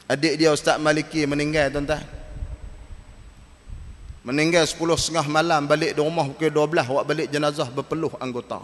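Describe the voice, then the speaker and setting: A preacher gives a storytelling sermon and acts out the voices in his tales. His voice sits high for a man. The sound rings with the long reverb of a mosque hall. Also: a bit bright.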